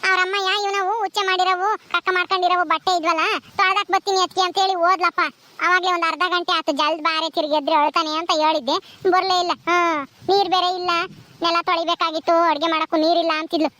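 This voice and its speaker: A woman's voice: extremely high pitch, flat delivery, fast talker, pushed and bright. A woman playing an ailing, bossy village wife in a comedy skit, with a rural Karnataka Kannada accent and a nagging, scolding manner.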